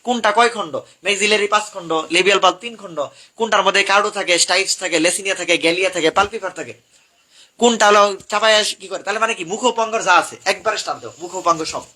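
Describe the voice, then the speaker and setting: A young man runs a live exam review class, rattling through topic after topic. His voice sits high and bright. He hammers each point home by repeating it to his students. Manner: rapid, repetitive drilling of topics to students. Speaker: admission exam coach.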